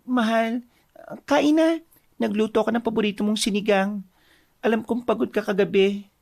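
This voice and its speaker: A woman plays an anxious young village wife in a horror audio drama. Her voice sits fairly high with a gravelly creak, and she keeps pressing with worried, pleading questions. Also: fairly even intonation, moderate pace, darkish tone. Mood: tender.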